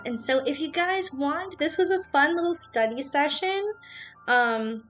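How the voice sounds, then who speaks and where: Hosting a study-with-me chat stream, a woman talks casually and chattily straight to her viewers while music plays in the background. Her voice sits high and has a fairly bright tone.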